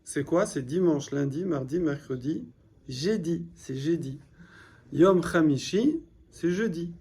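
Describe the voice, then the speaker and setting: A man's voice: a little high, lively intonation, slow pace, warm tone. A man teaching a beginner Hebrew class in French, explaining patiently and checking with his students as he goes. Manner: explains patiently, repeats key words, asks "d'accord?". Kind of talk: classroom lesson.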